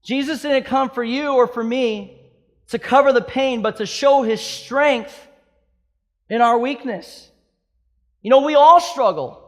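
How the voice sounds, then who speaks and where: His voice very high and his pace a little slow, a Hawaiian pastor in his thirties gives a fervent sermon, rising to loud emphatic peaks and dropping into hushed quiet.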